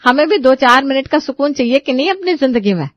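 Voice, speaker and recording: In an acted audio story, a woman plays a dramatic, gossipy older Indian mother-in-law and her aunty friend, both exasperated and full of complaints. She speaks high and quick with lots of expression; the sound is muffled, with no room sound.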